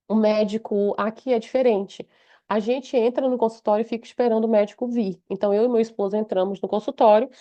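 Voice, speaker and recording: A woman with a fairly high yet mellow, warm voice tells her testimony with devout feeling. She restarts her phrases often. The audio is slightly muffled and lo-fi. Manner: heartfelt, devout, with frequent restarts. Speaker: church member giving testimony. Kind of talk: personal testimony.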